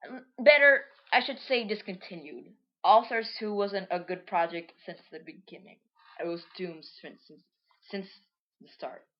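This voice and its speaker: Reading her old comic aloud, a woman offers chatty remarks, drifting off on tangents and fixing her own words as she goes. Her voice is fairly low, and the recording has its highs cut off.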